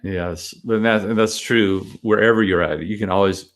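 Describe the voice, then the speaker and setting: A man's voice: lowish voice, steady tone, normal speed. A man hosting a conversational interview, introducing and questioning his guest. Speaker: interview host.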